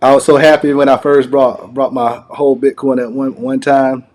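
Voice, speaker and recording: This man hosts his own channel and reacts to a recorded call with loose, unscripted commentary that rambles and keeps circling back over his own phrases. His medium-pitched voice has a darkish tone and little pitch movement, and he talks at a moderate pace.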